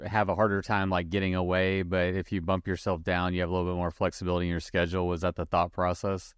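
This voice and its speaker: A man hosting a podcast, asking relaxed conversational questions on a video call. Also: low-pitched, fast, clear, resonant tone, no room sound. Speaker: podcast host. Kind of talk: casual interview on video call. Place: home studio, indoors. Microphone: boom microphone.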